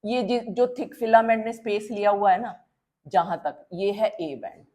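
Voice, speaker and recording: A woman teaching a biology lesson while drawing. She keeps quizzing her students and answers her own questions, and she slows right down to drill key terms. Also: mid-range voice, steady tone, darkish tone. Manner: drills terms slowly and repeats them.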